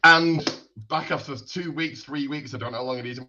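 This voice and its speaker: Hosting his podcast in a mid-range voice at moderate pace, a man gives his guest a bright, pushed, announcer-like introduction before settling into relaxed conversation. The recording sounds dull and lo-fi, with slight background noise.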